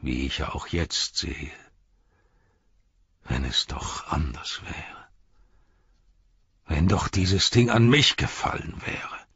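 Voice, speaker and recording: A man's voice: a bass voice, very animated, slow pace, long pauses, fairly bright tone, breathy edge, dry recording, highs cut off, full character voice. Man voicing a bitter old ruler. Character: bitter aging ruler, proud and scornful father. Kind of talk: audiobook character reading.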